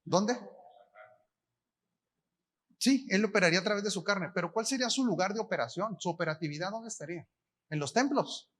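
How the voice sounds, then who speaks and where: Man, Mexican Spanish accent, preaching, high voice, colloquial, asks and answers his own questions. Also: brisk, long pauses, fairly bright tone. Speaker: apostle preaching. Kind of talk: conference sermon.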